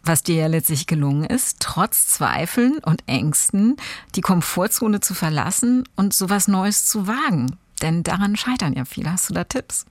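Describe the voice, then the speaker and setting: Low-voiced woman interviewer, dry sound. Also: very animated, moderate pace, dry recording. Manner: attentive, asks probing questions. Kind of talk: interview conversation.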